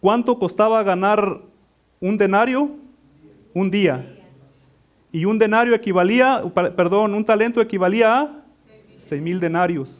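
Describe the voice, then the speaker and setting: A man's voice: sits high, normal speed, pauses often, highs cut off. A man preaching a sermon as pastor, asking his congregation questions and answering them himself, often addressing them as beloved. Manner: calls listeners "mis amados".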